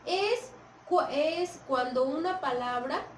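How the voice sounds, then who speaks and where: A patient Mexican woman teaching young children in a slow, unhurried lesson, her voice pitched high. She repeats each point and checks often that they follow. She stands some way from the mic in an echoey room, with a faint ambience behind her. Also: distant mic, slight background noise. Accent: Mexican Spanish. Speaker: primary school teacher. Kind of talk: recorded video lesson for children.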